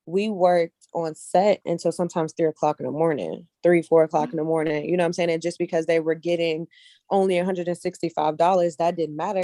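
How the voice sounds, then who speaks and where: This woman, a casting director who also acts and models, is a guest in an interview, speaking casually and earnestly and often repeating phrases for emphasis. Her voice is fairly low and warm, with no echo.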